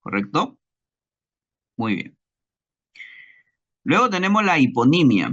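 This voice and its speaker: A man with a Peruvian Spanish accent teaching a recorded class lecture, slow and deliberate, repeating examples and checking understanding with tag questions. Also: on the high side, sing-song, a bit bright, lo-fi sound.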